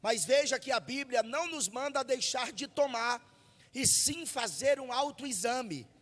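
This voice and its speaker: A Brazilian man preaching a fervent Pentecostal sermon into a handheld mic at a church service, shouting and repeating phrases for the congregation. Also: extremely high pitch, in a large hall. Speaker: pastor. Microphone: handheld microphone.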